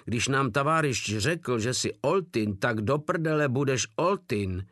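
A man's voice: medium pitch, lively intonation, fairly bright tone, dry recording, studio quality, pitched above the performer's own voice. A man doing a swaggering, threatening soldier. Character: cocky male veteran soldier, threatening.

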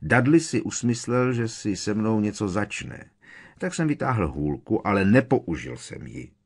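A man's voice: fairly low pitch, animated, slightly rough, voice pushed up. A man voicing an irritated teenage boy wizard who answers curtly and impatiently in an audiobook. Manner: curt, tense, impatient. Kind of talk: audiobook character reading.

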